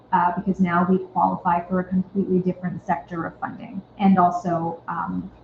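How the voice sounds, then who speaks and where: A woman talks an audience through her organization's year in a loose, wry, conversational way, filling her pauses with ums and likes. The sound is thin and tinny like a phone line and bounces around a roomy space. A faint ambient hum sits under it. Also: mid-range voice. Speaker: festival board member presenting at an annual meeting. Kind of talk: casual presentation to an audience.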